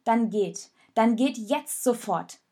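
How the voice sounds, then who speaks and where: Give me a woman reading as a determined young girl, urgent and firm, in an audiobook, breathy. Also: on the high side, lively intonation, slow pace, warm tone, full character voice. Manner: urgent, pleading then firm. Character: girl named Rosa, young, determined peacemaker.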